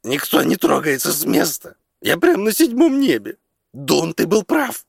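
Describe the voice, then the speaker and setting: Brief: male reader doing a shouting Irish man rallying the room, pitch pushed up. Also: wildly swooping pitch, measured pace, vocal fry, full character voice. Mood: euphoric. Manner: shouting, overjoyed.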